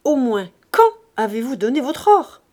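A woman's voice: a little high, animated, unhurried, warm tone. A woman voicing an old miserly father, coaxing and then hectoring, in an audiobook reading. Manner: wheedling then hectoring, emphatic.

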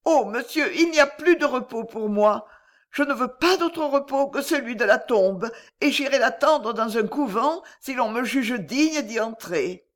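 A woman voicing a distraught, fragile young woman in a classic novel reading, speaking high, breathless and pleading. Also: animated, unhurried. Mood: despairing. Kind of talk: audiobook character reading.

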